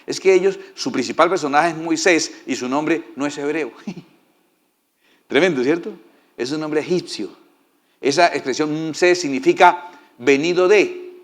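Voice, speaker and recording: Folksy preacher with a higher voice. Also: male voice, a little slow. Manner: folksy, joking, asks the congregation for assent. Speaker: pastor. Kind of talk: sermon.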